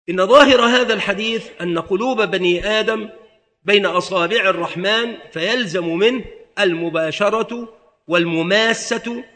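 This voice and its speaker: Man, religious teacher, high voice, sharp, methodical lesson, long hall reverb. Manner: methodical, spells out word variants one by one. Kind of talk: classroom lesson explaining a text.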